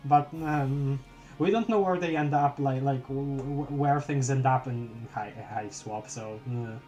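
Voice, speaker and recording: A man's voice: medium pitch, measured pace, a little mellow, faint music behind. A young man streaming a live read of a webcomic, rambling and stammering as he chats with his viewers. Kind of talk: live-reading a webcomic aloud.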